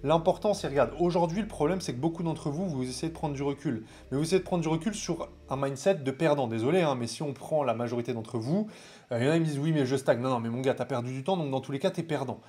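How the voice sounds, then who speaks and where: A man with a French accent coaching viewers on trading, talking casually and directly to the camera with animated, familiar asides. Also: medium pitch, quick pace.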